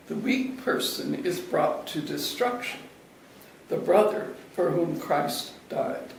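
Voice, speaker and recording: A man reading scripture as a lector in a church service, deliberately, phrase by phrase, in an echoey, distant recording. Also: fairly high pitch, slight background noise.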